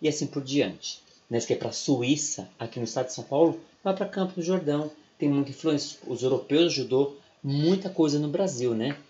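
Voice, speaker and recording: A man's voice: on the high side, a little fast, hardly any pauses, mellow, lo-fi sound. Chatty Brazilian man teaching English online. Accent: Brazilian Portuguese. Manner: chatty, keeps adding "né?" and "ok?". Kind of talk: online class lecture.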